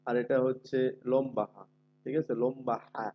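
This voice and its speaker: A man teaching Quran recitation in an online class, patiently repeating letter sounds slowly for his students. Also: medium pitch, fairly even intonation, highs cut off.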